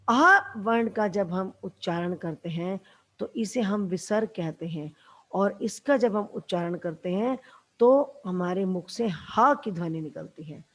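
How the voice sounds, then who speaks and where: A woman teacher giving a patient lesson to young schoolchildren, calling them "beta" and "bachche", with a Haryanvi accent. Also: on the low side. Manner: slow, patient, addresses pupils as beta and bachche. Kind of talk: classroom lesson for children.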